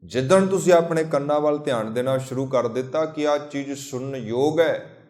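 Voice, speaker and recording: A man giving a Sikh sermon, slowly chanting scripture lines between plain explanations and repeating phrases in lists. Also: medium pitch, a little mellow, echoey room. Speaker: Sikh preacher.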